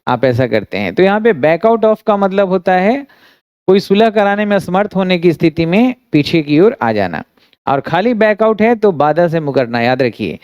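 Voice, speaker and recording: A man from India teaching English phrasal verbs in a classroom lesson, dictating example sentences slowly and deliberately, with an Indian English accent. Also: sits high, darkish tone, clear, resonant tone, no echo, lo-fi sound. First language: Hindi.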